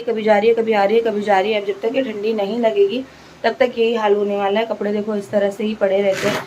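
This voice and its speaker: A woman's voice: on the high side, a little hiss or hum. A young woman, chatting emotionally and directly to her viewers in a casual home vlog, filmed on a phone camera indoors. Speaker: vlogger.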